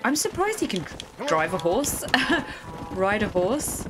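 A woman's voice: medium pitch, big pitch swings, unhurried, over music. A woman giving casual gameplay commentary with wry, chatty asides. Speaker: game streamer.

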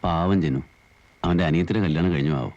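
An actor playing a brooding male convict out on parole who speaks in a low-key, wistful way. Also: a little fast, a little mellow, dry recording, lo-fi sound.

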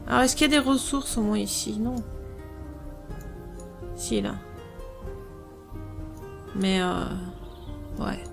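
A woman hosts a let's play over music, her medium-pitched voice a bit gravelly. She thinks aloud through strategy gameplay, musing and hesitant, with many pauses.

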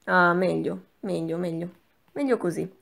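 Audiobook: woman reading a hot-headed young gentleman, clipped and defiant, a little gravelly. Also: medium pitch, normal speed, close to an everyday voice. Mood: furious. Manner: curt, defiant, bursts into angry tirades. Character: proud, hot-tempered young nobleman.

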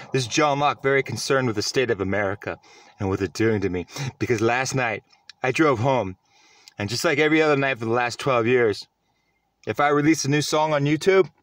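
A man's voice: medium pitch, a bit bright, no echo, studio quality. A man giving a self-recorded vlog monologue, earnest and rambling, often restarting his sentences. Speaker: vlogger.

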